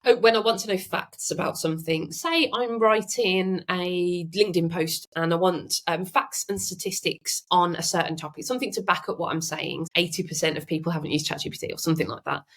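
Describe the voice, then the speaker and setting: Podcast guest: a chatty woman with a lowish voice who laughs a lot. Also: fairly quick, hardly any pauses. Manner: lively and chatty, laughs often. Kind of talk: casual interview chat.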